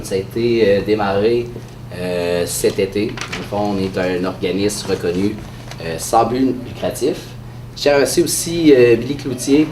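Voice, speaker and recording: A man with a Quebec French accent and a head cold, giving a halting, hesitant presentation as an association president at a press conference. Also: lowish voice. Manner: hesitant, halting delivery with frequent pauses. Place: indoor room at a press event. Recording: echoey room, distant mic, faint noise.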